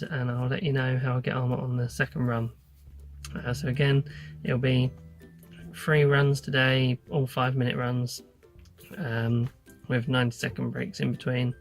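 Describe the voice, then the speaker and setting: A British man in his thirties talks casually to his phone in a parked car. His medium-pitched voice stays fairly monotone, with a noticeable gravelly fry. He is unscripted and a little hesitant, in the way of an everyday vlogger. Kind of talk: casual vlog talk to camera. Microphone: phone at arm's length.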